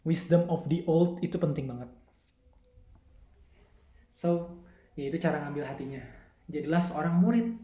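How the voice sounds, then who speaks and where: A man's voice: fairly high pitch, normal speed, long pauses, mellow. Young Indonesian man teaching, roomy echo. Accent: Indonesian, Bandung. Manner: conversational, acts out quoted dialogue, asks listeners questions. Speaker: youth ministry leader teaching a discipleship class. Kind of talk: casual church class teaching.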